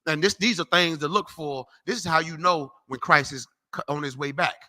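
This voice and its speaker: Brief: profane street preacher, man, high, tense, cutting. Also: fairly quick, sharp tone. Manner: brash, profane, mocking, tells people off. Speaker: street preacher teaching a class. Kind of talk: loud street-corner Bible teaching.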